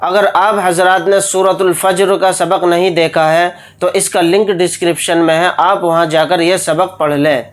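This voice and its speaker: Smooth-voiced male recitation teacher. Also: high-pitched, level tone. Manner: brisk step-by-step rule explanations. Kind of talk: Urdu tajweed lesson.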